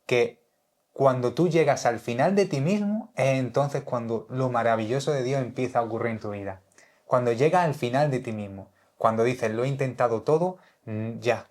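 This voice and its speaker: Male co-host; steady, reflective delivery, mid-pitched voice. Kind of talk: reflective faith talk.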